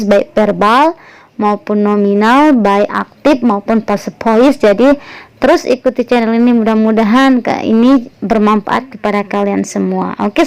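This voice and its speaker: A woman teaches an online English grammar lesson, patiently walking through each example and slowing down to model the phrases. Her voice sits a little high and comes across smooth and clear. The recording is dry and close. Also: a little mellow, dry recording, poor audio. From Indonesia.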